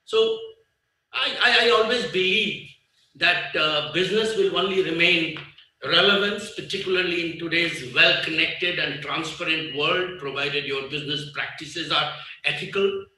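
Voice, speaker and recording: A man in his sixties with a Nepali accent gives a guest speech at a business conference. His voice is bright and forceful, a little raised in pitch, and he drives his points home by repeating them between hesitant fillers. He is picked up from some way off the mic, with a heavy hall echo. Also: slight background noise. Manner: emphatic, repeats key phrases, pauses with fillers. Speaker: business leader, guest speaker. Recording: echoey hall, voice far from the mic.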